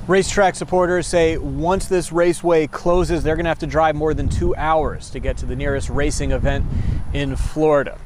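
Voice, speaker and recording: A male field reporter with a slightly higher-pitched voice delivers a live local TV news report. He speaks in a scripted newscast style, with faint ambient noise behind him. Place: outdoors by a raceway for live segments. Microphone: lapel mic.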